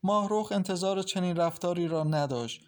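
A man narrating a novel in a calm, measured audiobook reading. His voice sits a little high for a man, and the delivery stays steady and unhurried. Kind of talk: scripted narration.

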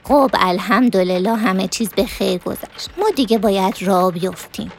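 A woman's voice: medium pitch, a little hiss or hum, natural voice. Woman playing a pious old grandmother. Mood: soothing. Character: older traditional grandmother, pious and soothing.

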